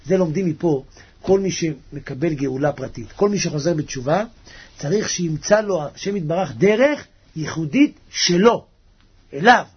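A man giving a Torah sermon, animated and dramatic, leaping into high cries as he acts out the story. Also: breathy edge, highs cut off. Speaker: rabbi.

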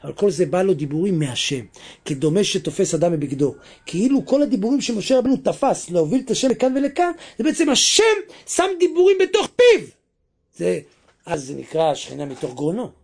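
A man's voice: high-pitched, very animated, gravelly, darkish tone, slightly rough. A man preaching a sermon with passion, repeating phrases and breaking into sudden exclamations.

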